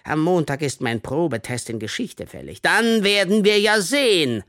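A man's voice: big pitch swings, moderate pace, gravelly, no echo, studio quality. A man reading an audiobook, voicing a pompous, bullying male teacher who bellows his lines. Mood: ranting. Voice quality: shrill bellowing.

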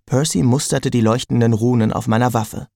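A man narrates an audiobook in the first person, with a mid-range voice and wry, even delivery. The recording is dry and close. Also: mid-range voice, fairly quick, vocal fry, dry recording.

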